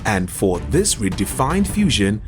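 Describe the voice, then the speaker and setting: A man delivers scripted narration with lots of pitch movement and a measured, dramatic rise and fall. Music plays clearly beneath his voice. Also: very animated. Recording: voice-over with music bed.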